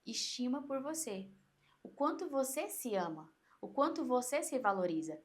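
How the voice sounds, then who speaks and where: A woman coach with a Brazilian Portuguese accent, explaining in an animated way on an interview podcast and acting out inner voices. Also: high voice, moderate pace.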